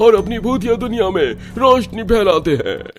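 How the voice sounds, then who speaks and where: A man's voice: high voice, big pitch swings, normal speed, soft background music. A man doing a swaggering ghost chieftain. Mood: boastful. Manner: commanding, swaggering. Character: boastful male ghost chieftain. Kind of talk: cartoon voice acting.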